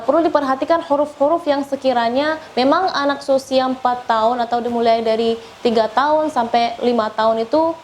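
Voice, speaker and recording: A woman with an Indonesian accent teaching recitation, giving feedback and over-enunciating her examples with slowly drawn-out syllables. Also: a little high. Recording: clear background noise.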